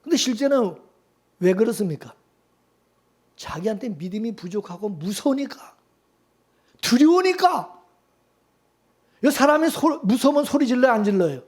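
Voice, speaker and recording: A male pastor delivers a sermon, peppering the congregation with rhetorical questions and shifting between loud exhortation and quiet calm. His voice is very high, his pace moderate, and he leaves long pauses.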